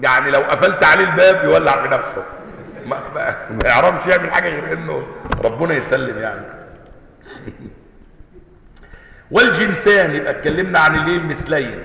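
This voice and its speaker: A man with an Egyptian accent giving a religious lesson. He chants the recited examples and then quizzes his listeners with quick rhetorical questions. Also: a little high, creaky, pushed and bright, a little hiss or hum. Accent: Egyptian Arabic. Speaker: sheikh teaching a classical text. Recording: echoey hall with long reverb.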